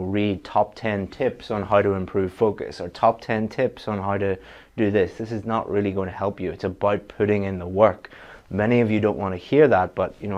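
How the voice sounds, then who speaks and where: A man with a fairly low voice coaches students through an exam-prep lesson. He talks straight to them, frank and practical, and moves from point to point like a teacher who wants the work done. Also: darkish tone. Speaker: IELTS teacher.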